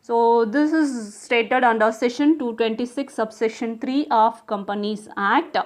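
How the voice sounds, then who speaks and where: A woman lecturer with an Indian accent speaks in a somewhat high-pitched voice. She delivers a formal legal reading, setting out rules clause by clause. Short teacherly markers like "okay" and "so" link the points. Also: measured pace. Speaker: assistant professor giving a lecture.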